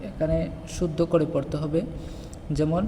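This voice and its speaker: A man teaching Quran recitation, explaining pronunciation and slowly chanting the verses in a drawn-out melodic style. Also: a little high, level tone, dark tone, a little hiss or hum. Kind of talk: explaining recitation mistakes in Bengali. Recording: long reverb and faint music.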